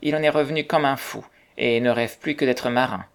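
Reader as chatty landlady, gossipy, gravelly edge. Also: mid-range voice, fairly quick, lightly acted. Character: talkative motherly landlady.

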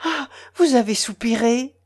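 A woman's voice: a little high, sing-song, a little slow, mellow, pitched above the performer's own voice. A woman voicing Maria Nikolaevna, a teasing, imperious lady. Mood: playful. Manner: commanding, mocking, playful.

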